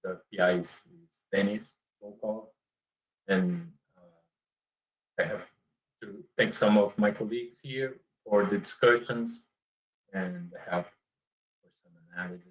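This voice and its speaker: A man giving an academic seminar talk over a video call, his mic volume going up and down as he speaks, halting and repeating words as he explains. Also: on the low side, animated. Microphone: computer mic over a video call. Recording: dull lo-fi video call audio.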